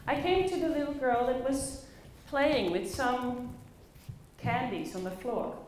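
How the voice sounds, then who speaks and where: A Dutch-accented woman from the Netherlands, whose voice sits high, tells personal stories to a live audience as a conference speaker and play facilitator. She is expressive and uses dramatic pauses. The recording has heavy room echo from the indoor conference room and faint background noise.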